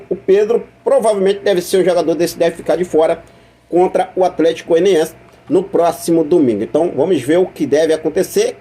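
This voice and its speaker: A man's voice: fairly high pitch, warm tone, husky. A man with a Brazilian accent hosting a football news channel, talking through club news in a chatty way, repeating points and asking viewers questions. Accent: Brazilian Portuguese. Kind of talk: casual news commentary to camera.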